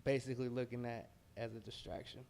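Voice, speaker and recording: Gravelly American man, relaxed fighter talk. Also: mid-range voice, fast talker, slight background noise. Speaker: heavyweight boxer. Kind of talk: casual pre-fight interview.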